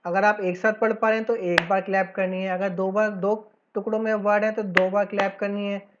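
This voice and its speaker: A woman teacher explaining an English textbook lesson to schoolchildren in Hindi, reading English lines slowly and often checking in with "theek hai". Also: medium pitch, level tone, noisy background. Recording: slightly dull lo-fi audio.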